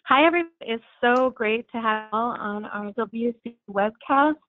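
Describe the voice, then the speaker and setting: A woman's voice: fairly high pitch, normal speed, dry recording. Webinar moderator, woman, heard through a glitchy, breaking-up call line that sounds thin and tinny. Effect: glitchy, cutting-out connection audio. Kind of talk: live webinar talk.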